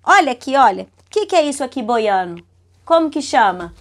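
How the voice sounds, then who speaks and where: A mother reading a story to her baby, animated and asking the child questions as she goes. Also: high-pitched, normal speed.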